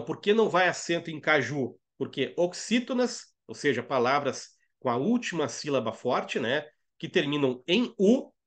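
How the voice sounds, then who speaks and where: A man with a Brazilian Portuguese accent teaching grammar in a live online class. He talks in a joking, chatty way, reads viewer chat aloud, tags his sentences with "tá?" and "né?", and slows right down to spell out words. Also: on the high side, fairly bright tone.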